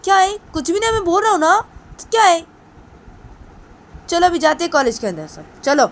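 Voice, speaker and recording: A woman's voice: mid-range voice, fast, a little mellow, lightly acted. A woman voicing a hot-tempered college girl who irritably insists nothing is wrong. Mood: irritated. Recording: noisy background with passing vehicles.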